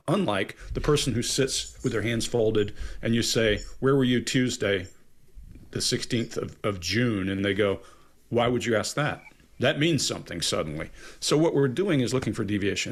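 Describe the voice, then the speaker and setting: A man speaking as an expert on a casual panel, giving long-winded explanations with examples he acts out. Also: on the low side. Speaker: body language expert panelist.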